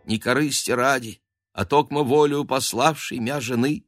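A man voicing a greedy, desperate male priest with a hoarse, frantic, drawn-out voice in a storybook reading. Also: medium pitch, music in the background, natural voice. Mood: muttering. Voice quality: hoarse shouting.

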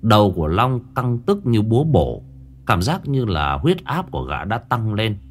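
A man narrating a horror story in a dramatic, scripted telling. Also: on the low side. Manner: dramatic, lively delivery with drawn-out phrasing.

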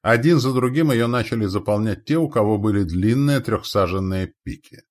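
Deep-voiced man reading dramatically. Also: moderate pace, darkish tone. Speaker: narrator. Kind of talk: audiobook narration of a war novel.

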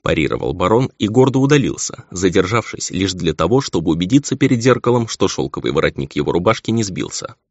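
A man narrating a dramatic audiobook with expressive storytelling, on a dull, lo-fi recording. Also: low-pitched, fast, hardly any pauses, no echo.

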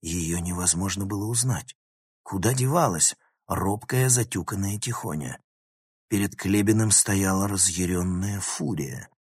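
Husky male audiobook narrator. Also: low voice, unhurried, dry recording, studio quality. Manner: dramatic reading, animated phrasing.

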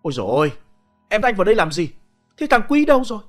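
A man's voice: high-pitched, sing-song, a little fast, faint music behind, full character voice. A man voicing a tense, bossy man who speaks curtly and sharply. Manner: curt, commanding, sharp.

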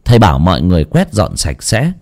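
A man's voice: sits low, huge pitch swings, fast, a little mellow. A man narrating a folk ghost story in a dramatic storytelling style.

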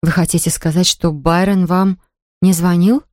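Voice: mid-range voice, little pitch movement, normal speed, a little mellow, dry recording, close to an everyday voice. A narrator voicing a distraught woman who owns a ruined house, reading in a dry, close studio recording. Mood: overwrought. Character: distraught middle-aged woman, homeowner, near hysterics.

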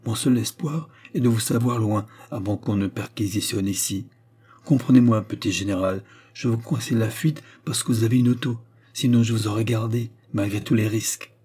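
A man voicing an anxious, pressing man urging others to flee, read as a storybook in a low, husky voice. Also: normal speed, mellow. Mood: urgent. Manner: urgent, pressing. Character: anxious middle-aged male protector, urgent.

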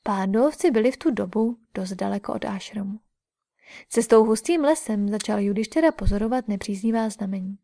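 A woman narrating an epic in calm, measured audiobook storytelling. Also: medium pitch, creaky.

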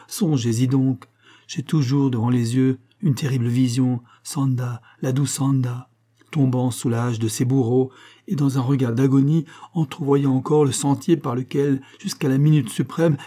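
A man voicing an impatient, anguished young Frenchman who speaks with passion in a dark, husky voice. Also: mid-range voice, lightly acted.

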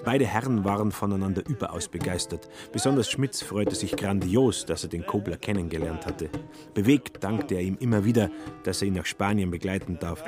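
Low-voiced male radio-play narrator. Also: fairly quick, music in the background.

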